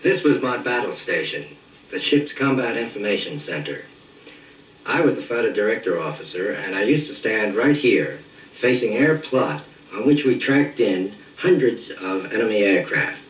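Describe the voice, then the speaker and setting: Older male veteran, muffled and echoey. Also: on the low side. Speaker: veteran fighter director officer interviewed. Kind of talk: measured documentary testimony. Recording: muffled, echoey distant TV re-recording.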